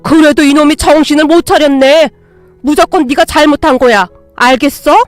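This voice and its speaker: A furious old father-in-law roars at his son, loud and blustering, in a narrated radio story. A woman reading the tale acts him out in a high, bright voice. The room is dry, with faint music underneath. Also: normal speed, dry recording, close to an everyday voice. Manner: shouting, blustering scolding.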